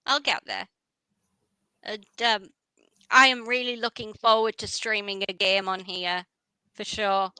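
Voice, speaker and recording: A woman's voice: medium pitch, steady tone, a little slow, long pauses, sharp tone, clean tone, no echo, rough recording. A woman hosting a casual livestream, chatty and rambling, often restarting her sentences. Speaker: livestream host.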